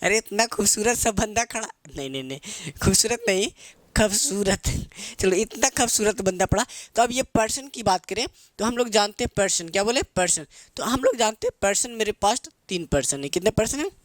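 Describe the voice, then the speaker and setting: A man's voice: high voice, lively intonation, brisk, few pauses, dry recording. A man teaching grammar in a playful, joking way, asking questions and answering them himself. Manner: asks questions and answers himself, calls viewers babu.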